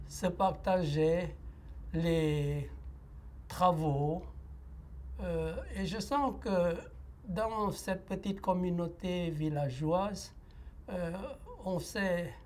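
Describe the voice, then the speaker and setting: A Lao-man in his sixties gives a reflective testimony in an interview. His voice is mellow and his delivery slow and hesitant, full of pauses and filler sounds. Faint noise sits behind him. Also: a little high. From Laos. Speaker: interviewee giving a personal testimony.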